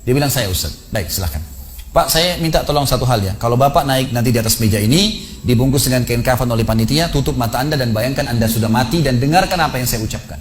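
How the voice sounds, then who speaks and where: A male preacher telling a story in a sermon, swinging from hushed tones to loud pleading. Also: medium pitch, expressive, fast. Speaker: Islamic preacher.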